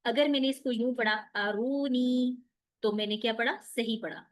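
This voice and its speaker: A woman's voice: fairly high pitch, fast. Woman teaching Quran recitation rules. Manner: explains step by step, asks and answers her own questions. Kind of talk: online tajweed lesson.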